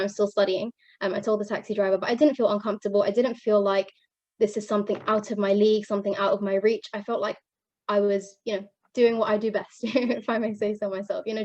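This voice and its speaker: A young Pakistani woman whose first language is Urdu gives an earnest testimonial to fellow students, switching between Arabic and English with many fillers and restarts. Her medium-pitched voice is recorded with no echo, but the highs are cut off.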